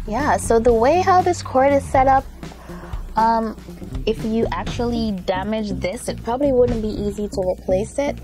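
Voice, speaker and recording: A woman's voice: mid-range voice, poor audio. Chatty woman vlogger testing a mic. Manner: chatty, filler-heavy, asks viewers for feedback. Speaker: vlogger reviewing a microphone. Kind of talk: casual unboxing and mic test. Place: indoor room with a fan. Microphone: camera mic and clip-on mic, changing distance.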